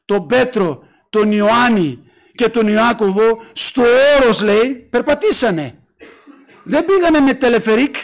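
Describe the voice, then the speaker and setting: A man preaching a fervent sermon, calling out alleluia and putting questions to his congregation. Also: very high-pitched. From Greece.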